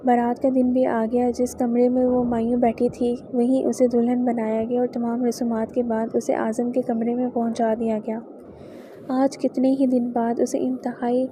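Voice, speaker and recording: A woman narrating a novel aloud in a steady, even reading manner. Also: a little high, a little hiss or hum, poor audio. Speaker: audiobook narrator.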